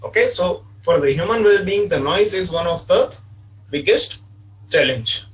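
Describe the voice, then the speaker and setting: A man delivers an online class lecture in a fairly high voice. He explains step by step, repeats points, and often says "okay". The mic sits some distance away, so he sounds distant. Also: expressive, normal speed. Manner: repetitive, explanatory, frequent "okay" fillers.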